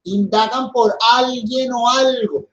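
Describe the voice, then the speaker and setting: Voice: medium pitch, fairly even intonation, takes it slowly, a bit bright, muffled recording. A teacher with a Colombian accent giving a recorded grammar lesson, explaining step by step and addressing the students.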